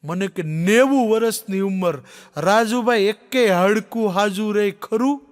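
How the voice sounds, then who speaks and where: A man's voice: high-pitched, measured pace. A man doing stand-up, telling folksy joke stories and acting out the dialogue for a laughing audience. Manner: folksy storyteller, acts out dialogue. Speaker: stand-up comedian. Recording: long hall reverb.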